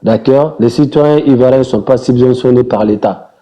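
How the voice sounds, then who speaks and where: A man's voice: medium pitch, normal speed, warm tone, poor audio. An argumentative man in a heated online debate who presses his points and interrupts others. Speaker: debate participant.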